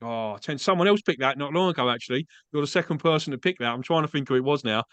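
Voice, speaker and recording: An Essex-accented Englishman hosts a casual podcast interview in Australia, chatty and agreeable, often calling people "mate." He talks quickly in a medium-pitched, fairly bright voice, with no echo.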